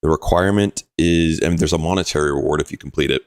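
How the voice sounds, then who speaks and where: A man's voice: very deep voice, fast talker, no echo, studio quality. A man casually commentating his game on a live stream, explaining rules and answering chat.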